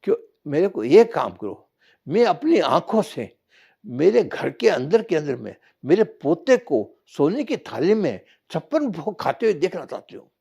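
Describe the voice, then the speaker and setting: A man's voice: a little high, very animated, unhurried, vocal fry, warm tone, breathy edge, pitched above the performer's own voice, heavily acted. A man voicing a poor, blind old woman over 60, humble yet shrewd, asking earnestly in a told parable.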